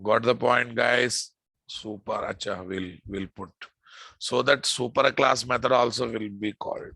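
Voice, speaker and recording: Male programming teacher, Telugu Indian accent, gravelly edge, deliberate pace, repeats key phrases for the class. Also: mid-range voice, fairly even intonation, bright, forceful tone, no echo. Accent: Indian, Telugu-influenced. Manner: repeats phrases, frequent check-in questions. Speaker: programming instructor. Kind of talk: live coding lesson, addressing students.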